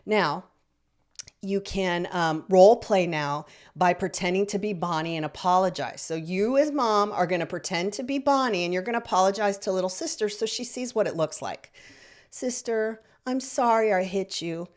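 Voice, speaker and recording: Middle-aged woman teaching parents, encouraging tone, keeps asking "okay?", medium pitch. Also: expressive, moderate pace. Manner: encouraging, repeats points and checks in with "okay?". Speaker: parenting coach. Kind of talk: instructional talk to parents.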